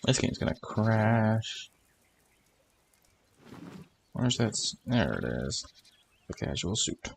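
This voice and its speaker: A man commentates casually on a game in a slow, fry-laden voice. He grumbles and swears in muttered asides over faint background noise. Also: fairly low pitch, big pitch swings. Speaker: gaming streamer.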